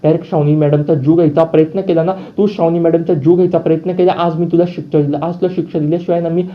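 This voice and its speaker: A fiery young manservant scolds without pause, indignant and loyal, as a man voices him in a serial recap. His voice sits a touch high. The audio is dull and lo-fi. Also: level tone, close to an everyday voice. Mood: outraged. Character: angry loyal young male servant.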